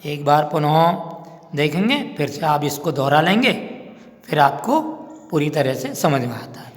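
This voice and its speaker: A man teaching a class of young children, repeating each phrase slowly and explaining it, and addressing the pupils as brothers and sisters. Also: on the high side, expressive, in a large hall. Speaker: school teacher.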